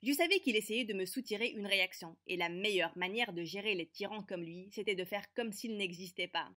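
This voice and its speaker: A woman voicing a feisty teenage girl who narrates an animated story with brisk, sarcastic wit. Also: mid-range voice, natural voice. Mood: sardonic.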